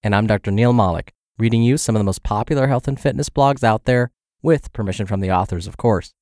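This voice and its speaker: A podcast host reads health and fitness blog posts aloud while congested and scratchy from the flu. His voice is fairly low and darkish, and he reads at a quick pace, recorded with clean, echo-free studio sound.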